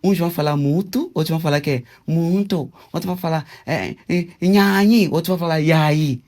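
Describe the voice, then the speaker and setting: A man answering interview questions in a didactic way, often pausing and sounding out words syllable by syllable. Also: a little high, darkish tone. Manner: didactic, spells out Kikongo words syllable by syllable with many hesitations. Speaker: interviewee, self-proclaimed traditional king.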